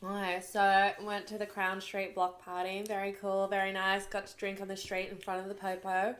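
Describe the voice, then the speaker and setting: A woman in her thirties with a bright, crisp edge to her voice. She co-hosts a relaxed podcast, trading playful, teasing banter with her co-host. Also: mid-range voice, moderate pace. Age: 30s. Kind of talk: casual podcast chat.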